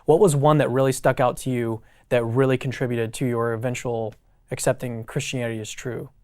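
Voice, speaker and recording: A man's voice: mid-range voice, steady tone, a little fast, darkish tone, no echo, studio quality. A young man interviewing a guest, asking questions casually with lots of fillers. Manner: casual, uses many fillers like "like".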